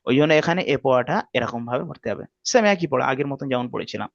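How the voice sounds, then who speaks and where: A man teaching Quran reading, slowly spelling out letters and vowel marks and often checking that his students follow. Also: medium pitch, creaky, no room sound, lo-fi sound. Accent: Bangladeshi Bengali. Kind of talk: slow spelled-out recitation lesson.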